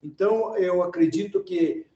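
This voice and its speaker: A man from Italy with a fairly high yet soft, dark voice answers on a panel. He talks in long, rephrased sentences with tag questions, in a roomy recording. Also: normal speed, muffled recording. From born in Italy. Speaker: panel guest. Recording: echoey room sound.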